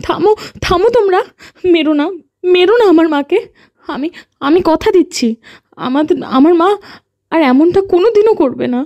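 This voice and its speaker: A man's voice: very high-pitched, wildly swooping pitch, normal speed, pauses often, dark tone, highs cut off, pitched above the performer's own voice, exaggerated voice. A man voicing a grieving young village daughter in an audio horror story, pleading tearfully.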